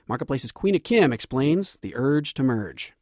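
A man's voice: mid-range voice, very animated, moderate pace, darkish tone, no room sound, studio quality. A man with an American accent reading scripted radio news as host. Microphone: close studio microphone.

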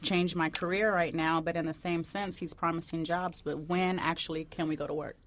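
A woman in her thirties with a fairly low voice speaks as a radio panel guest. She talks directly and matter-of-factly. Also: steady tone, moderate pace, a little hiss or hum. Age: 30s. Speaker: interview guest, office administrator.

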